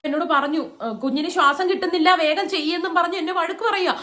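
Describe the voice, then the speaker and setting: A woman's voice: very high-pitched, fast, fairly bright tone. A young woman tells a personal story in a casual, chatty vlog, acting out quoted lines in raised voices. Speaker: vlogger.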